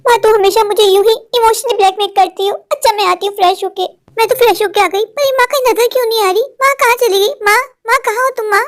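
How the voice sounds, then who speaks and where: A woman's voice: very high voice, quick pace, hardly any pauses. A woman voicing a stubborn modern college girl in a cartoon, pleading and arguing with her mother. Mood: calling out. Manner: pleading, argumentative, repeats "maa". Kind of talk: Hindi cartoon voice acting.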